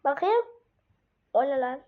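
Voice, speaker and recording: A woman doing casual gaming role-play, voicing baby characters in excitable, slangy banter with herself. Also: sits high, a little slow. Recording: dull lo-fi mic.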